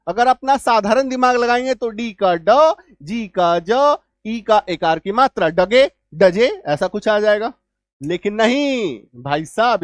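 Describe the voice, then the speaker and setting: A man's voice: high-pitched, no echo. Male teacher checking understanding, dry sound. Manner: checks understanding often, spells letters out slowly. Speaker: English teacher. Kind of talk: spoken spelling lesson.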